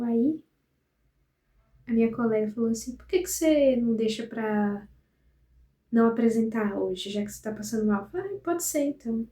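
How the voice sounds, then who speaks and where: A woman's voice: mid-range voice, reverberant. A young Brazilian woman, a psychology student, chattily telling a story from her first semester in a casual vlog, acting out the dialogue as she goes. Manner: chatty, animated retelling with quoted dialogue and frequent tag questions.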